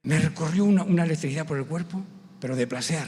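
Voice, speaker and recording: A male pastor with a Spanish accent from Spain, preaching a sermon as an animated storyteller who builds to emphatic, slow preaching. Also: on the high side, slight background noise. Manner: animated storyteller who acts out quoted voices. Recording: long church hall reverb.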